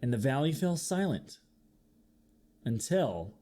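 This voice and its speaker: Slow and mid-range, a man's voice carries an animated, teacher-like reading of a children's picture book. He reads expressively, acts out the sound effects, and asks the young audience questions.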